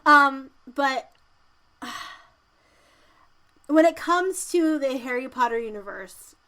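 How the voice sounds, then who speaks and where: A woman's voice: high voice, lively intonation, slow, sharp tone. A woman co-hosting a podcast in casual chat, informal and emphatic, sometimes reading out news items. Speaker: podcast co-host.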